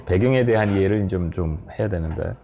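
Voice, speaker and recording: A man's voice: deep voice, brisk, dark tone, slight background noise. A middle-aged man giving a conversational Bible study seminar, explaining step by step, often checking in with his listeners and correcting himself mid-word.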